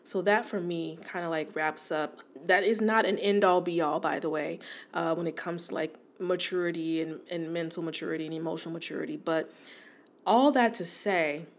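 Speaking at a normal pace in a lowish voice, a podcast host in her forties chats casually to her audience on her own. She laughs a lot and addresses listeners straight on.

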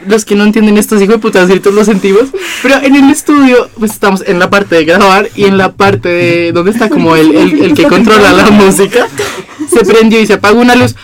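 An excitable man with a high voice, talking fast and laughing in a studio podcast. A crowd of voices chatters loudly behind him, and he swears freely as he talks over the others. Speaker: podcast co-host. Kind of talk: casual chat. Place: recording studio.

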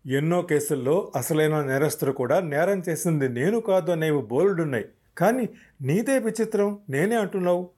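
A man voicing a sharp, stern female police investigator who questions impatiently in a spoken story. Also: fairly high pitch, brisk, pitched above the performer's own voice, natural voice. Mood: exasperated.

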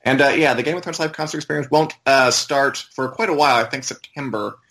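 A man's voice: medium pitch, fairly quick, bright, forceful tone. A man talking casually as a podcast co-host, in an informal, conversational way. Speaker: website editor and podcast co-host.

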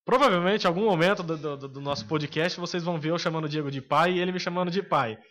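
Brazilian man, podcast co-host, casual football talk, a bit higher voice, hesitant fillers. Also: fairly bright tone. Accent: Brazilian Portuguese. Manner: opinionated, hesitant with frequent filler pauses. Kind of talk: casual sports chat.

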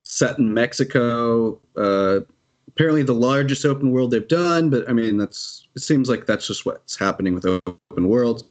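A man's voice: medium pitch, expressive, normal speed. A man casually chatting about video games on a podcast, rambling and laughing often, with casual swearing.

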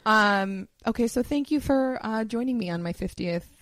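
A woman's voice: fairly high pitch, moderate pace, a bit bright. A woman comedian guest-hosting a podcast, telling jokey, rambling stories and mocking herself. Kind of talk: casual comedy podcast chat.

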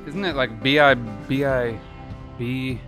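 A man's voice: medium pitch, slow, fairly bright tone, soft background music. Casual joking man hosting a podcast. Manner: joking, casually profane, talks through mouthfuls of food. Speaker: podcast host. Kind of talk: casual chat. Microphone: podcast microphone.

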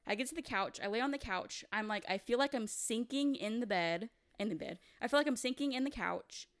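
Young female podcast co-host, smooth voice, animated casual storytelling. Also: fairly high pitch, fairly quick. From California. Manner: animated, lots of "like", laughs while telling.

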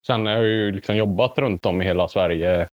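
Low-voiced man with mixed Gothenburg-leaning Swedish accent. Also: dry recording, lo-fi sound. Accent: mixed Swedish dialect, largely Gothenburg. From Gothenburg, Sweden. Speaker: podcast co-host. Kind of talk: casual chat.

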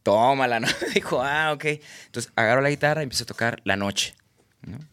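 A man's voice: mid-range voice, brisk, sharp tone, no room sound, studio quality. Slangy Mexican man telling stories. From Tabasco, Mexico. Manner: rambling slangy anecdotes, acts out quoted friends. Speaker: singer-songwriter guest. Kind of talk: casual storytelling interview.

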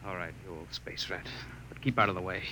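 An actor playing a curt, stern, no-nonsense ship's captain in a 1950s radio drama. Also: male voice, low voice, a little fast. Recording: noisy vintage radio recording.

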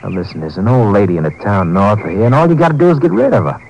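A man's voice: fairly low pitch, big pitch swings, rapid-fire, vocal fry, darkish tone, muffled recording, a little hiss or hum. An actor playing a well-dressed, scheming man offering money for a killing in a 1940s radio drama, pushy and persuasive. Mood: coaxing. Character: smooth, scheming rich man hiring a killer.

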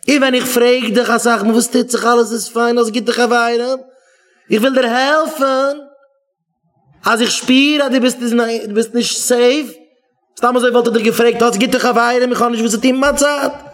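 A man, a rabbi giving an animated talk to yeshiva students, acting out little dialogues and mixing in English words. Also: extremely high pitch, moderate pace.

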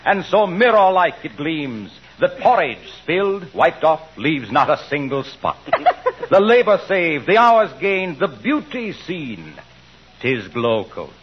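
A man's voice: a little high, very animated, slow, slightly rough, full character voice. An actor playing a hammy, pompous ad man who declaims mock Shakespeare in theatrical 1940s radio comedy style. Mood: declaiming. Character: hammy middle-aged male ad man spouting mock Shakespeare. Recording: dull old radio broadcast with hiss.

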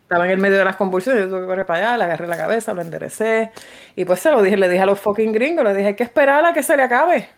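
A woman's voice: medium pitch, racing. Foul-mouthed Puerto Rican woman storyteller. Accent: Puerto Rican Spanish. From Puerto Rico. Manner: profane, animated storytelling with shouted quotes. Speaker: podcast co-host. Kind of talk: casual chat.

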